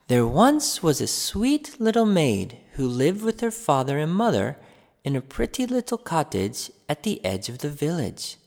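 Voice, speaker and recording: A man reading a fairy tale aloud for children, slow and expressive. His pitch rises and falls in lively swings, with a gravelly edge to the voice. A long, echoey reverb hangs on every word. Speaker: storybook reader. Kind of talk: children's story narration.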